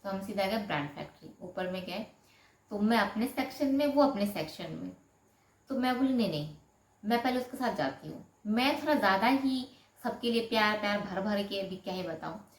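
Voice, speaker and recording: A woman from Raipur, India, telling a personal story to camera in an animated, dramatic way, acting out what people said. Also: medium pitch, moderate pace. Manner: animated, dramatic storytelling that acts out quoted lines. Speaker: storyteller vlogger. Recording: echoey room.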